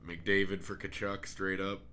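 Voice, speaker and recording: A man's voice: low voice, level tone, unhurried, sharp tone, slight background noise. A man co-hosting a casual podcast, tired and joking, laughing often. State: tired, yawning. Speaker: podcast co-host. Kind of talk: casual chat.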